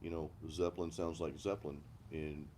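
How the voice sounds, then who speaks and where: A man with a low, relaxed, mellow voice chats casually. His delivery is laid-back and slangy, like talk between buddies, with a little noise behind him. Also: normal speed. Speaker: co-host or guest on a live chat. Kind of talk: casual chat.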